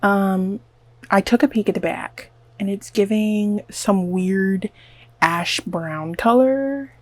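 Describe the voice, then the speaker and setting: In a self-filmed clip at home, a Southern beauty vlogger dyes her hair and rambles to the camera in a nervous, self-deprecating way, using "like" often. She talks slowly at a medium pitch, and the recording is dry.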